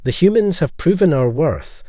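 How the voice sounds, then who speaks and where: A man's voice: fairly high pitch, lively intonation, normal speed, dark tone, no echo, studio quality, voice pushed up. A man reading as a resolute woman ambassador. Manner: firm, formal, steely. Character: resolute female human ambassador.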